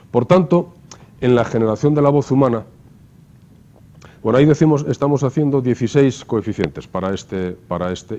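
A man's voice: fairly low pitch, dark tone. Man giving a lecture, lo-fi. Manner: explanatory, asks rhetorical questions with frequent tag "¿no?". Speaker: university lecturer. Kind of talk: classroom lecture. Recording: dull lo-fi lecture recording.

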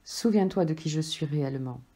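A woman voicing a gentle, loving soul that speaks softly and patiently. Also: sits low, fairly quick. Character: gentle, loving friendly soul, calm and tender.

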